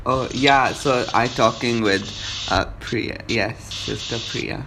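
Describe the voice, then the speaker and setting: A man's voice: mid-range voice, takes it slowly. A man interviewing someone in a casual phone call, speaking in a friendly, reassuring way. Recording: noisy background.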